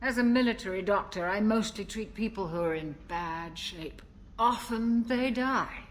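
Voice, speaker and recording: A woman playing a calm older ship's doctor. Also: mid-range voice, slight background noise, close to an everyday voice. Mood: wistful. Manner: gentle, reflective, measured delivery. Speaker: game character. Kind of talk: video game dialogue.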